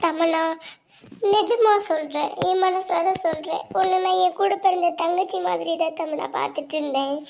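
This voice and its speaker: A woman's voice: very high-pitched, moderate pace, vocal fry, darkish tone, a little hiss or hum. A woman voicing a scheming, two-faced young woman in a cartoon, with sly gloating asides. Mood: mock sympathy. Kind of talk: cartoon voice acting.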